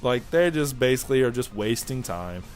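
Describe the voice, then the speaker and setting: A man's voice: mid-range voice, animated, moderate pace, soft background music. A young man giving a casual, rambling, offhand video review of an anime episode. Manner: rambling, offhand, chatty with fillers.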